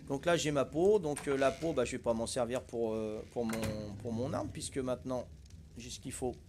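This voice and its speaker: A man's voice: medium pitch, normal speed, noisy background. An older man from Corsica, casually talking viewers through a survival game as he plays, chatty and folksy, with lots of hesitations and tag words. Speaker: gaming streamer. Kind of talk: casual live gameplay commentary.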